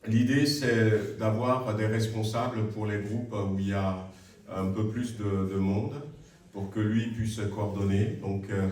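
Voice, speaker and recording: A man's voice: on the low side, mellow. A man giving church announcements to the congregation in a hesitant, friendly way, with many filler sounds. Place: large church hall, indoors. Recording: very echoey church hall, from far off.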